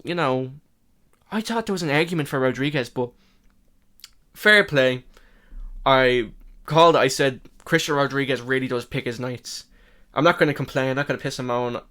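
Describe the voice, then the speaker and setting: A young man with a slight lisp, giving rambling, animated fight reaction commentary with casual swearing. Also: medium pitch. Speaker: MMA reaction youtuber.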